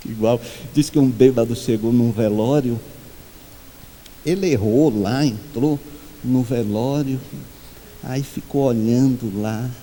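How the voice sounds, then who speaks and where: A man giving a spiritual talk to a congregation, telling humorous anecdotes and acting out the quoted voices in a high pitch. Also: takes it slowly, pauses often, warm tone, long reverb tail. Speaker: spiritual speaker. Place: meeting hall.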